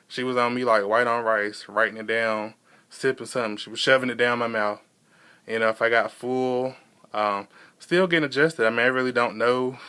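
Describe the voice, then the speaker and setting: A young American man talking casually to viewers in a personal vlog, halting and rambling, repeating himself for emphasis. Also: medium pitch, bright, forceful tone, clean tone. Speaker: vlogger.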